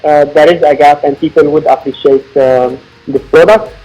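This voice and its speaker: A man from Lebanon, founder of a company, explaining his product in a podcast interview with a measured, filler-laden manner. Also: fairly high pitch, fairly even intonation, darkish tone, low-quality recording. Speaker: founder and CEO guest.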